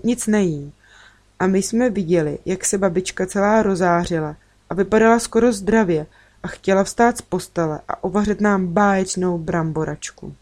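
A woman's voice: mid-range voice, darkish tone. Woman reading a children's story. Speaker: narrator.

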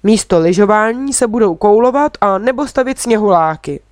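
A woman's voice: medium pitch, lively intonation, a little mellow, no room sound, studio quality, natural voice. Doubtful, careful mum in a storybook, as a woman reads her. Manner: doubtful, thoughtful. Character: doubtful, cautious mother.

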